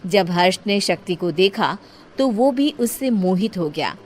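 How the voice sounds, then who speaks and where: A woman's voice: medium pitch, animated, unhurried, darkish tone, a little hiss or hum. A woman reading scripted story narration as the storyteller. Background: music.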